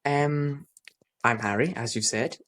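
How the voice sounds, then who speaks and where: A young man from Scotland's west coast, with a light Scottish accent, speaks slowly at a medium pitch. He's a relaxed, modest podcast guest chatting casually over a video call.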